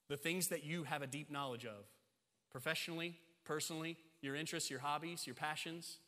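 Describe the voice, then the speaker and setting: Male preacher, forties, bright edge to his voice, pounds home repeated phrases, long church reverb. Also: mid-range voice. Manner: emphatic, repeating phrases for stress. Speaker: pastor. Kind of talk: sermon. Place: church sanctuary.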